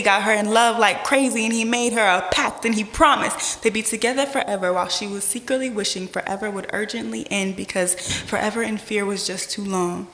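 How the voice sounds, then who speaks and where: A woman performing spoken word poetry in a dramatic, rhythmic delivery with deliberate pauses and swells. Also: mid-range voice, fairly bright tone. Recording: echoey hall with long reverb.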